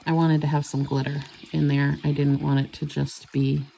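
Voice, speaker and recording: A woman's voice: deep voice, little pitch movement, moderate pace, gravelly, mellow, a little hiss or hum. A woman chatting casually and rambling as she does her nails. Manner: chatty, rambling, self-correcting. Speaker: nail vlogger. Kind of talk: casual chat while doing nails.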